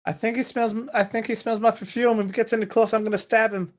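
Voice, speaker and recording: A man voicing a panicky woman adventurer in a tabletop game, in a flustered falsetto. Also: flat delivery, quick pace, close to an everyday voice. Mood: nervous. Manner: flustered, repeating words.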